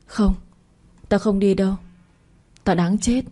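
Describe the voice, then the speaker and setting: A woman's voice: mid-range voice, steady tone, slow pace, mellow. A woman doing a tearful frightened young woman. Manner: tearful and pleading.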